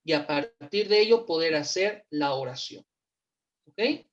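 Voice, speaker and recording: A woman teaching English in in an online class, patient and repeating each word slowly for pronunciation. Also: deep voice, expressive, lo-fi sound. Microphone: computer mic on a video call.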